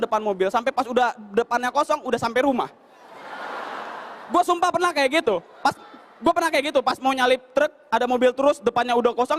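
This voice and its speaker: High, fast-talking stand-up comedian man. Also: slight background noise. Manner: fast, animated storytelling that slips into shouted and mimicked voices.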